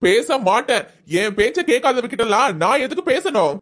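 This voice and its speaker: A woman's voice: fairly high pitch, lively intonation, normal speed. A woman voicing a harsh, contemptuous husband in a cartoon who scolds his wife scornfully. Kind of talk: cartoon voice acting.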